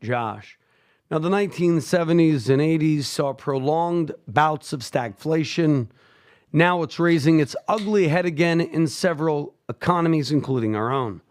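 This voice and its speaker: A man hosting a radio call-in show, explaining topics steadily and repeating the call-in phone numbers. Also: on the high side.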